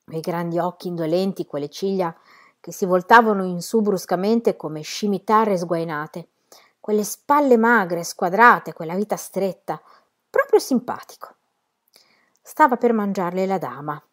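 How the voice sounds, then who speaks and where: A woman reading a novel aloud in a measured storytelling manner. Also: fairly low pitch, a bit bright. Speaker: reader. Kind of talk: audiobook narration of a novel.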